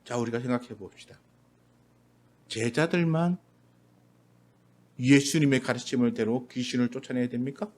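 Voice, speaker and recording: A man's voice: medium pitch, moderate pace, long pauses, darkish tone. A man pastor giving a Sunday sermon in a church, talking in a conversational way and now and then acting out the voices he quotes. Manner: conversational preaching, briefly acts out quoted voices. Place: church sanctuary.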